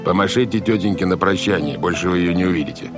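A man voicing a calm, menacing sea-captain villain. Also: low voice, moderate pace, music in the background. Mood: cold. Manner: calm, coldly mocking, menacing. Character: scheming one-eyed male sea captain villain. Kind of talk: audiobook character voice.

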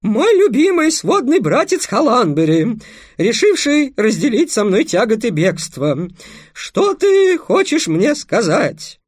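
A man voicing a gangly young man who fakes a girl's voice in a breaking falsetto, exclaiming melodramatically. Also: huge pitch swings, slow pace, slightly rough, dry recording, studio quality, full character voice. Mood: melodramatic.

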